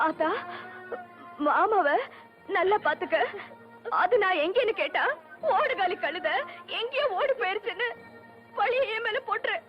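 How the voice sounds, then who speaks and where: A woman's voice: extremely high pitch, animated, measured pace, pauses often. An actress playing a grieving young woman forced out of her home, crying as she says goodbye. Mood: tearful. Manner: tearful, pleading farewell. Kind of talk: 1980s film drama acting. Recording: dull old film soundtrack with music.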